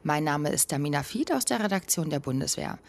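A woman's voice: low-pitched, lively intonation, brisk, gravelly. A woman hosting an interview podcast, asking questions and introducing guests. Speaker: podcast host.

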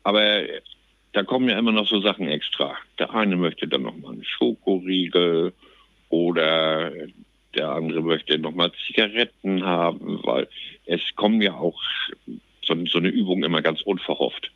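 A man's voice: sits low, moderate pace, no room sound, narrow, tinny audio. A man speaking as a sergeant major guest in an interview, colloquial and plain-spoken. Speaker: army company sergeant major, podcast guest. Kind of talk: casual interview talk.

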